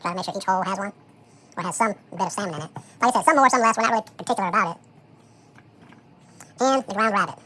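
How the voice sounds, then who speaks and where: Chipmunk-effect voice, sped up; relaxed home cook narrating a task, very fast, bright. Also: a little hiss or hum. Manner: relaxed, thinks aloud with frequent "um" and "so". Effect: sped-up chipmunk voice, high and fast. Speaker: home cook preparing dog food. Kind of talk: casual how-to commentary while working.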